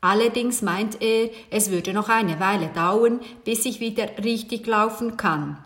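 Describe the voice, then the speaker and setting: A woman's voice: mid-range voice, unhurried, a bit bright, close to an everyday voice. A woman voicing a genial, chatty older uncle with an injured leg in a children's audiobook. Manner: chuckling, chatty.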